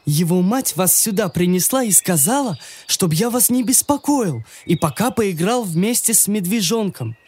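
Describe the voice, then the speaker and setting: A man voicing an excited young boy in a fairy tale, calling out eagerly with a breathy voice. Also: sits high, normal speed, few pauses, pitched above the performer's own voice.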